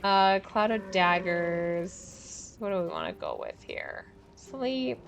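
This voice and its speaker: Slow, chatty woman streamer. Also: mid-range voice, wildly swooping pitch, slight background noise. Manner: chatty, thinks aloud, laughs often. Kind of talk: casual gameplay commentary.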